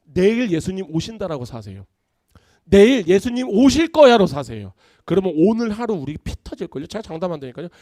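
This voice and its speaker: A man, a pastor, preaching a sermon in an animated, conversational way in a church. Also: sits high, a little fast, dry recording, studio quality. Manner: animated, conversational preaching with acted-out family quotes. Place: church sanctuary.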